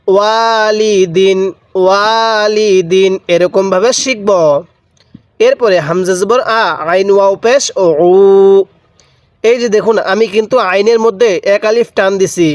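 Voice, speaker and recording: A man teaching Quran reading, spelling each letter slowly with a Bangladeshi Bengali accent, stretching vowels in long drawn-out readings, and asking questions that he answers himself. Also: high voice, no room sound. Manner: asks the viewer questions and answers them himself. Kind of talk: step-by-step spelling lesson.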